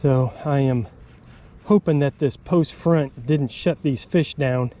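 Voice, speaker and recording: A man's voice: medium pitch, slow pace, slight background noise. A man hosting a fishing vlog from a kayak on a tidal creek, talking casually with plenty of ums, a bit winded from pedaling. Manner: relaxed, chatty, frequent ums and uhs. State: a little out of breath from pedaling. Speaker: fishing channel host. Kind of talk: casual outdoor vlog talk.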